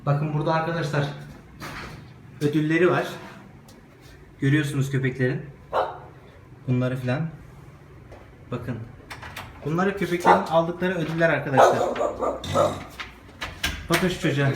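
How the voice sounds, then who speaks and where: A man vlogging casually and excitedly, cooing baby talk to puppies between remarks to his viewers. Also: fairly high pitch, normal speed, pauses often. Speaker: vlogger showing dogs. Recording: echoey room with background noise.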